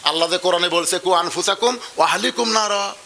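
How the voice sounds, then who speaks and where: Male preacher, high piercing voice, acted-out dialogues, shouted exhortation. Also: fairly quick. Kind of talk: sermon.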